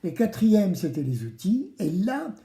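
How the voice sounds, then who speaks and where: Children's DIY presenter: playful, theatrical, very lively intonation, soft-edged tone, addressing kids directly, recorded in an echoey room. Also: medium pitch, unhurried. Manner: playful, theatrical, exclamatory, asks the children to answer. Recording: roomy, echoing indoor sound.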